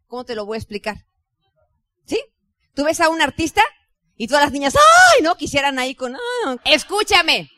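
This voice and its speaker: A woman with a Mexican accent giving a motivational business talk as a team leader, chatty and lively, often imitating other people's voices. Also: sits high, no echo, clean studio sound. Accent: Mexican Spanish. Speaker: network marketing team leader.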